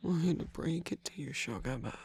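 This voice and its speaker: Sly male cookie jester played by a performer, ASMR roleplay, husky breathy whisper, gravelly fry, lively swooping pitch, teasing and dismissive. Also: brisk, heavily acted. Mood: sarcastic. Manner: dismissive, teasing, evasive, with sighs and laughs. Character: sarcastic mischievous male cookie jester, scheming.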